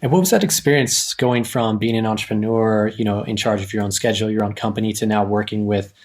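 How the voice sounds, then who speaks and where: A man's voice: lowish voice, fast. A man hosting a podcast, reading an upbeat introduction and asking interview questions. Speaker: podcast host.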